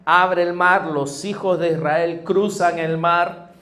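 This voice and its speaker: Man, Peruvian Spanish accent, pastor preaching, high voice, slow delivery, conversational, repeats phrases, asks the congregation questions. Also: steady tone, bright, forceful tone. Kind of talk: sermon.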